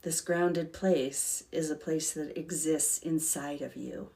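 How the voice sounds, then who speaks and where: Low-pitched woman leading a calm grounding meditation. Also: vocal fry. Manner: calm, soothing, gentle, unhurried with long pauses. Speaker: guided meditation leader.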